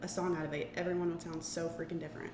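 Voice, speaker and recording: A woman's voice: fairly low pitch, flat delivery, rapid-fire. A young woman in her twenties, a podcast guest chatting casually, playful and chiding. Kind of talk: casual chat. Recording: echoey room with clear noise.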